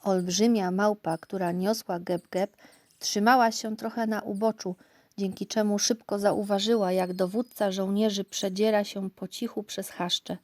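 A woman narrating a children's audiobook in a calm, clear storytelling voice. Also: mid-range voice, unhurried, no echo. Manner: calm, even, clear reading.

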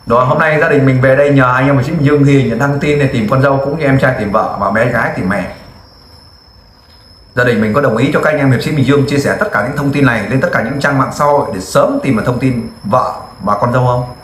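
A man's voice: mid-range voice, fast talker, echoey room, slight background noise. Man interviewing with direct, coaxing questions. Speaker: volunteer interviewer. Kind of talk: field interview.

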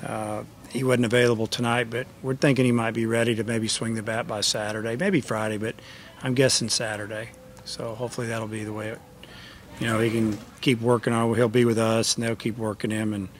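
A man's voice: lowish voice, flat delivery, a little fast, a little hiss or hum. A middle-aged man, a college baseball head coach, answering questions at a post-game press conference in a matter-of-fact way, with lots of fillers. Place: press conference room with a sponsor backdrop. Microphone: table microphone.

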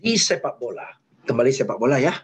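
A man teaching leadership in a webinar lecture, lively and checking in with his listeners often. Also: brisk, slight background noise. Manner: acts out quarrels in sudden high voices. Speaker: leadership trainer.

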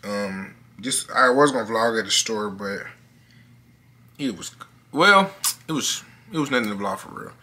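In a bedroom at home, a young adult vlogger talks casually to his camera, using slang and repeating himself. His voice is fairly low and a little slow, with lively intonation and a sharp tone. Background noise is clearly audible.

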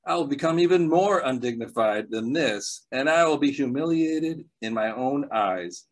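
A man preaching a sermon, telling stories with bursts of excitement, laughter and quieter asides. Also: mid-range voice, moderate pace, rough recording. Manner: animated storyteller, laughs often, jumps between loud excitement and quiet asides.

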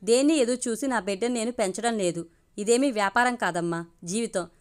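A principled single mother speaks with calm, firm conviction, as a woman storyteller reads her part. The voice is a little high and steady, earnest rather than emotional, in a spoken family drama. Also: a little fast, close to an everyday voice.

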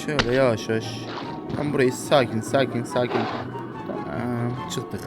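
A young man playing a hard climbing game and commenting in Turkish, swinging between quiet muttering and frantic pleading and cursing at the screen. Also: mid-range voice, steady tone, moderate pace. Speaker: gaming YouTuber. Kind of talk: let's play commentary. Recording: game music playing under the voice.

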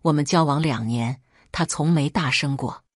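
A woman's voice: sits low, normal speed, husky, no room sound, studio quality. A woman narrating a first-person family story from a script, in an indignant, emphatic way.

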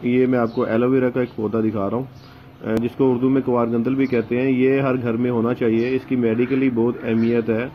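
The host of a gardening channel films a casual home gardening vlog outdoors among potted plants, speaking in a mid-range voice with little pitch movement. He is hesitant, pausing often and using many filler sounds. His handheld phone captures dull, muffled sound with a little hiss or hum, and faint open-air ambience sits behind him.

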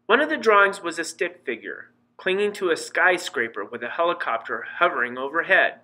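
A man reads a first-person story aloud in a plain, measured way, as an audiobook narrator. His voice is very bright and a little raised in pitch. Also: very animated.

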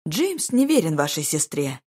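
A woman voicing a calm, self-assured duke who speaks in a dry, ironic and level way, with a slightly husky voice. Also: deep voice, moderate pace, full character voice. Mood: earnest.

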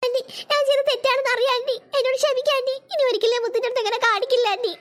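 A woman's voice: extremely high pitch, fairly even intonation, very fast, slight background noise. A woman voicing a contrite cartoon girl. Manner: pleading, contrite. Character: remorseful young girl apologizing.

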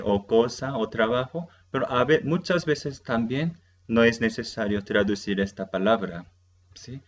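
A man's voice: on the low side, muffled recording, a little hiss or hum. A man whose first language is Korean, teaching a language lesson with a patient, repetitive delivery that keeps checking his students follow. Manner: repeats key words and checks understanding with "¿sí?".

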